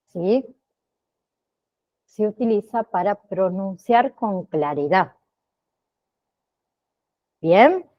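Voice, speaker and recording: Slow-talking woman teaching an online class. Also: medium pitch, highs cut off. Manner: slow, checks in with frequent "¿sí?" and "¿bien?".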